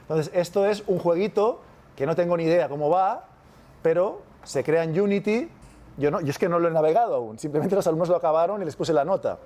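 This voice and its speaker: A university lecturer from Spain, Spanish accent, gives an informal masterclass in a brisk, animated way. The voice is fairly high and a little mellow, and he's forever checking on his listeners with "¿vale?".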